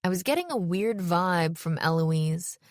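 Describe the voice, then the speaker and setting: A woman's voice: fairly low pitch, expressive, measured pace, dry recording. A woman narrating a first-person audiobook in a wry, self-aware storytelling manner, close to the mic.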